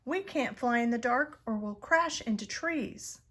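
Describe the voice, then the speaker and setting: A woman's voice: on the high side, animated, a little slow, a bit bright, pitched above the performer's own voice. A woman voicing an earnest, innocent young female bat, the heroine of a children's storybook. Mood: worried.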